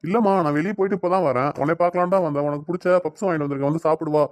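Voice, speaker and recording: A man voicing a protective middle-aged cartoon father in Tirunelveli Tamil, gentle with his daughter and scolding with his wife. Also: on the high side, very fast, dry recording, close to an everyday voice. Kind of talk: cartoon dialogue.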